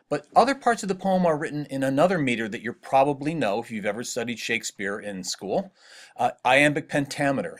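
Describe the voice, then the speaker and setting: A middle-aged man teaching literature in a recorded lecture, asking students questions and slowing down to read poem lines aloud. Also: mid-range voice.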